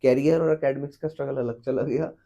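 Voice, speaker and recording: A man's voice: mid-range voice, fairly even intonation, fairly quick, warm tone. A man, a teacher giving earnest advice as a podcast guest and mixing English phrases into his Hindi.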